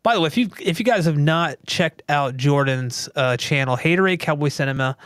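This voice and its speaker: A man's voice: fairly high pitch, fairly quick, fairly bright tone, smooth, no room sound, clean studio sound. A man hosting a casual livestream podcast from a home theater room, explaining things in an easygoing way with lots of fillers. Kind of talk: casual tech chat.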